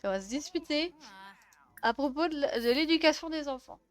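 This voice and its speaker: Une jeune femme streameuse commente sa partie de jeu vidéo sur un ton décontracté, bavarde, elle rit souvent et taquine les personnages. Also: female voice, high-pitched, lively intonation, moderate pace. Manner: chatty, laughs often, teasing the game characters. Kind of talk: casual let's-play commentary.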